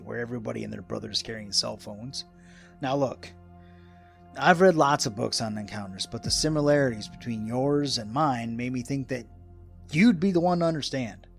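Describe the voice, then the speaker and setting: In a radio drama, an actor voices a folksy old American hermit who rambles in an excitable, rustic manner. The older male voice is gravelly and raspy, medium in pitch, and heavily acted.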